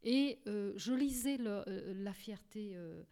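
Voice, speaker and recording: A middle-aged woman from Portugal, recounting her life in a halting interview with many fillers and restarts. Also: medium pitch, dark tone. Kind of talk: personal life story interview.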